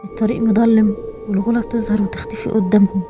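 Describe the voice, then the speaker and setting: A woman with an Egyptian Arabic accent narrating a scripted horror story in a brisk, dramatic way. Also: medium pitch, flat delivery. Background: background music.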